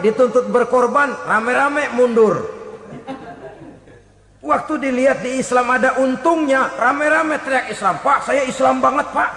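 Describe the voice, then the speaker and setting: High-voiced preacher in an echoey hall. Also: male voice. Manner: animated, mimics hypocrites in quoted asides. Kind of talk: sermon. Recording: echoey hall with long reverb.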